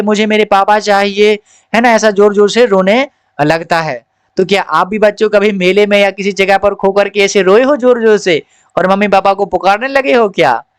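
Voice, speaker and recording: Male teacher, high clear voice, reads the passage slowly then explains, dry close recording. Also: no echo. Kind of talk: textbook lesson explained in Hindi.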